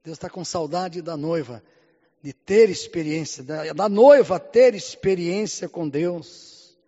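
A Brazilian pastor preaches slowly in Portuguese in a voice that's a little high, swinging between loud and hushed lines and often calling out "Amém?" and "Glória a Deus". The sound is muffled, with long hall reverb.

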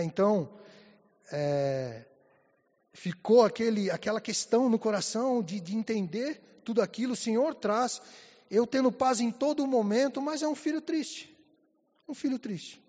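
A man with a high voice preaches in a church, hushed and halting at times, fervent at others. His voice carries a long hall reverb, and the sound is dull and muffled. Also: expressive. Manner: soft and halting, rising to fervent. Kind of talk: sermon with personal testimony.

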